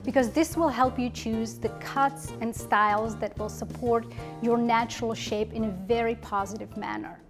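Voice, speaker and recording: Prim, precisely spoken woman with higher pitch. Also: steady tone, normal speed, music in the background. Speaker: etiquette coach presenting style advice. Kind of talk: polished instructional presentation.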